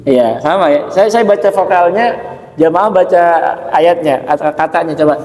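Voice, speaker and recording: A man's voice: on the high side, moderate pace, noisy background. A man teaching Quran recitation in a mosque, drilling syllables and chatting casually with the congregation. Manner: casual, chatty explaining with rhetorical questions. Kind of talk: tajweed lesson in a mosque, demonstrating sounds. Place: large mosque hall. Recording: roomy echoing mosque hall.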